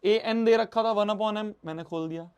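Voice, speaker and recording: A man's voice: high-pitched, normal speed, clean tone. A man teaching a math lesson, repeating his phrases and mixing Hindi with English math terms.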